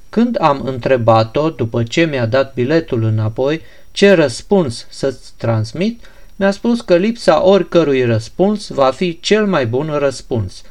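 A man voicing a calm, polite young prince who answers in an even, courteous tone in a storybook reading. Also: mid-range voice, close to an everyday voice.

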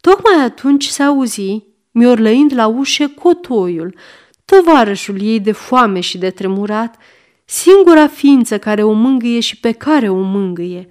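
Brief: woman narrator, measured and dramatic literary reading, somewhat high voice. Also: lively intonation, a little mellow.

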